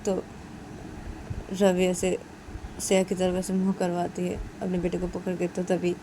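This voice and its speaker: Dark-voiced woman telling a casual story. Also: on the low side, monotone, unhurried, a little hiss or hum, low-quality recording. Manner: repetitive, chains events with filler links.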